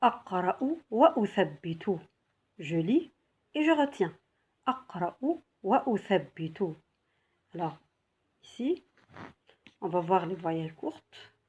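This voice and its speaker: A woman teaching a beginner's lesson, patiently repeating each word slowly and clearly. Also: lowish voice, big pitch swings, darkish tone. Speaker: Arabic teacher.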